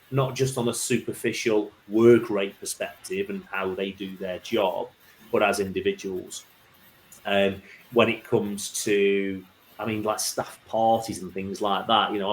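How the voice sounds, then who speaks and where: Guy hosting a work discussion, lowish voice, repeats himself thinking aloud, bit of background noise. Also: poor audio. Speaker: host. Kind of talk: casual business discussion.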